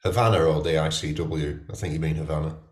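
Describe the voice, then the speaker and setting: A man's voice: extremely low pitch, fairly even intonation, fast, darkish tone. A man hosting a casual conversation, chatting and responding informally. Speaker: podcast host. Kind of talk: casual chat, interviewing. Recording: echoey, roomy sound.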